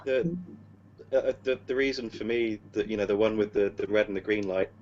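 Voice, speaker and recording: A man's voice: fairly low pitch, level tone, brisk, a little mellow. A man telling a story casually, hesitant and full of fillers. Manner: rambling, hesitant, many fillers and restarts. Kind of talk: casual storytelling on a video call. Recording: dull lo-fi call audio with faint hum.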